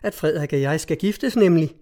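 A man's voice: fairly high pitch, monotone, mellow, close to an everyday voice. A man reading an audiobook and voicing a blunt, coarse-mouthed young farm woman who speaks curtly and challengingly. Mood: defiant. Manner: curt, challenging. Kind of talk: audiobook narration.

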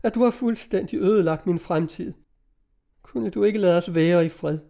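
A man's voice: sits high, vocal fry, warm tone, voice pushed up. A man reading aloud, voicing a desperate young woman in love in an old-fashioned storybook. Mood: despairing. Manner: anguished, pleading.

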